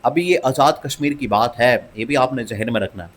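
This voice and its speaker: A man's voice: mid-range voice, a little fast, slight background noise. A man giving opinionated political commentary, emphatic and scornful, and he repeats phrases for stress.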